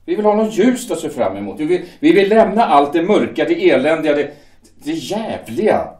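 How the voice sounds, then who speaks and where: In this amateur audio drama, the actor voicing Erich, a shipyard foreman now loyal to the party, earnestly tries to convince his younger brother that joining was right. His pitch runs fairly high, sing-song and a little mellow. The sound is roomy, with the mic far away.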